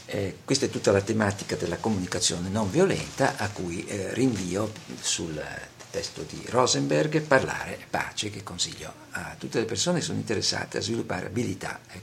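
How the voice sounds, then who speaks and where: Gravelly, lively-pitched male lecturer. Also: a little hiss or hum. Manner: measured, with frequent pauses and "eh" fillers. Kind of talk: spoken lecture.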